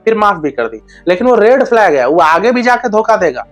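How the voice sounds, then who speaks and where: A man with a fairly high voice talks straight to camera, handing out relationship advice as a casual monologue. He is blunt and slangy and throws in crude jokes as he goes. Soft music plays faintly behind him. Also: very animated, fairly quick, highs cut off.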